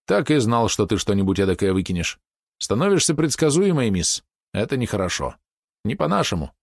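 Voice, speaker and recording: A calm, wry male hacker, as a man plays him in a storybook reading. He speaks with an unhurried smirk. The recording is dry and close. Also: on the low side, creaky, no echo, heavily acted.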